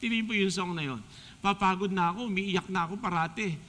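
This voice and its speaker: Man, Filipino accent, sermon, joking and lively, echoing church hall. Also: sits high, brisk. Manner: joking, animated, mixes English into talk. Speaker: deacon preaching. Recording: long church hall reverb.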